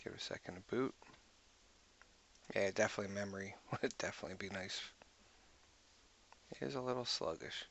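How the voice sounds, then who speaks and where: A man's voice: lowish voice, brisk, gravelly, long pauses, fairly bright tone, a little hiss or hum. A man giving a casual screen-recorded tech walkthrough, thinking aloud and muttering to himself as he clicks. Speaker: IT tutorial host.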